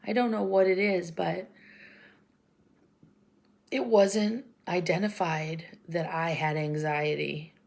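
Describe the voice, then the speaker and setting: Woman, 40s, personal vlog; near tears, halting, slips into whispers; lowish, gravelly, slow. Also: fairly even intonation, a little mellow. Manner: tearful, halting, often drops to a whisper. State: close to crying. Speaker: vlogger.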